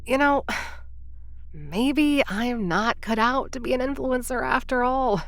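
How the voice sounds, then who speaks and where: A woman with a high voice speaks slowly in a dry recording, playing a scatterbrained young would-be influencer who travels through time. She narrates straight to the listener in a bubbly, impulsive, rambling audio-drama style.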